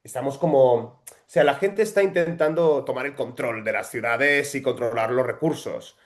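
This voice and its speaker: Chatty actor. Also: male voice, mid-range voice, normal speed. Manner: chatty storyteller, frequent hesitations. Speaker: actor guest. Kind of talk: casual interview.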